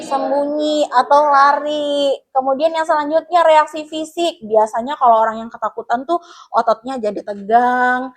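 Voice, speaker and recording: A woman with a high voice teaches a classroom guidance lesson, taking the pupils through each point in turn. She keeps asking the class questions and addresses them warmly as children, with the patient manner of a school counselor. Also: steady tone, normal speed. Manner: explains to pupils, asks the class questions, calls them "Nak".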